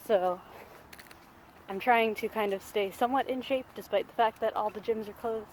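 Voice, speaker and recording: Chatty महिला vlogger, हल्का background शोर. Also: female voice, a little high, moderate pace, a little mellow, slight background noise. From Florida. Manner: chatty, self-deprecating, lots of fillers. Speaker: vlogger, writer and teacher. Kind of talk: casual vlog chat. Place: outdoors on a walking path.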